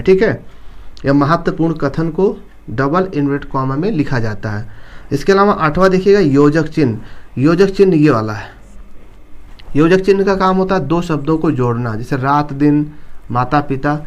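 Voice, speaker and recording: A man teaches in a patient, step-by-step way. His voice sits a little high for a man. He often pauses to check in with a quick "okay". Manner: explaining patiently, tags sentences with a checking "okay". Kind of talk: classroom-style lesson.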